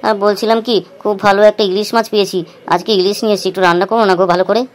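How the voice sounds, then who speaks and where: A woman's voice: mid-range voice, steady tone, racing, natural voice. A woman voicing a stern male village strongman in a cartoon, giving clipped, commanding orders. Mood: meek. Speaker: voice actor. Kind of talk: cartoon voice acting.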